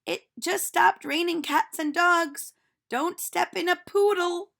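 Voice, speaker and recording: Reading a children's storybook aloud, a woman voices a cheerful, silly schoolteacher in an exaggerated, very high, gravelly voice pitched above her own. The mood is bright as she calls out announcements loudly and emphatically, drawing out her words.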